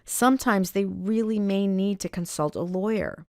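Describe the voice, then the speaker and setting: A woman giving a scripted training narration for librarians, reading do's and don'ts in a measured, instructional way. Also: mid-range voice, darkish tone, dry recording, clean studio sound.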